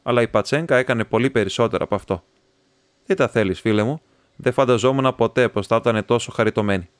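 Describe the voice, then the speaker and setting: A man's voice: medium pitch, no echo, lightly acted. Talkative young student , a man reading the part. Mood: chatty. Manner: rambling, chatty, teasing. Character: talkative young male student friend, warm and excitable.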